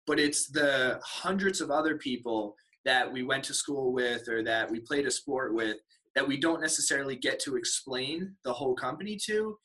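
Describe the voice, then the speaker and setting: A man's voice: mid-range voice, normal speed, bright, forceful tone, low-quality recording. A young man co-hosting a podcast, speaking earnestly and explaining his thinking in casual chat. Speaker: podcast co-host.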